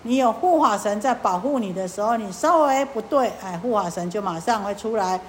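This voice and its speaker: A Buddhist nun preaches to her listeners in a chatty, unhurried way, filling pauses and posing rhetorical questions. Her voice sits in the middle range for a woman. A faint noise runs underneath. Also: mid-range voice, animated, poor audio. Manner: colloquial, many drawn-out fillers, rhetorical questions. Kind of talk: Buddhist sermon.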